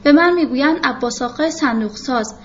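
A woman's voice: high-pitched, lo-fi sound, natural voice. Woman voicing a stubborn old carpenter. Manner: blunt, plainspoken.

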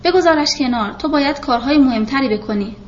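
A woman's voice: high voice, lo-fi sound, a little hiss or hum, close to an everyday voice. A woman voicing a bossy male police captain who speaks in curt commands, in a storybook reading. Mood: brusque.

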